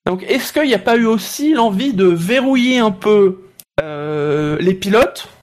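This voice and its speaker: A man's voice: high-pitched, expressive, a little slow. A man arguing through hypotheses in a casual panel discussion. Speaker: motorsport talk show panellist.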